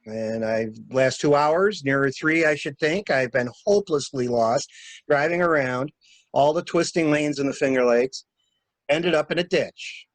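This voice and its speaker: In an amateur library reading of a murder mystery, a man lightly acts the part of a talkative, flustered stranded engineer who explains things in a polite, stammering, theatrical manner. His voice is fairly high and his pace measured, with no room sound.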